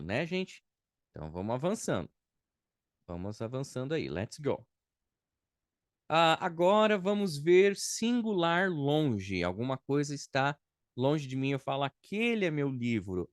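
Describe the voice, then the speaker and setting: A patient man teaching a beginner English class at an unhurried, deliberate pace. He drills each model word slowly and repeats it several times, and his voice sits at a middle pitch. The recording is close and dry, with no room around it. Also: dry recording.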